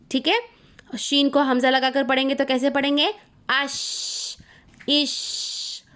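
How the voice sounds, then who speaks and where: A woman leads an online recitation lesson. She explains patiently and draws each letter sound out slowly, repeating it for her students. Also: on the high side. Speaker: Quran recitation teacher.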